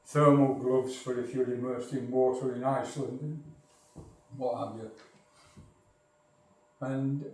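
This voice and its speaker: A man's voice: medium pitch, fairly even intonation, slow, long pauses, a little mellow. An older man from northern England, a local history speaker telling a society rambling, wry stories. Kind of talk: anecdotal talk to a society. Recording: echoey hall from far off.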